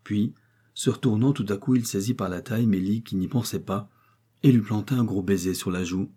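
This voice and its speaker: A man reads a classic novel aloud at a steady, measured pace. His voice is low, dark and husky. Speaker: narrator. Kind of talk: audiobook narration of a classic novel.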